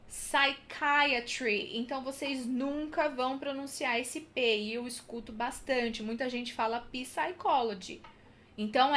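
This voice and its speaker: A woman from Brazil teaching English pronunciation, saying example words slowly and repeating them. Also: sits high, pushed and bright. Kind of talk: pronunciation lesson.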